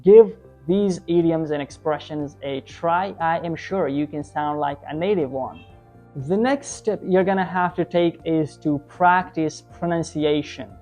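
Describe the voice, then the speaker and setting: A woman with a low, darkish voice teaches an online English lesson, coaching through tips with repetitive explanation and tagging many sentences with "right?" to check in.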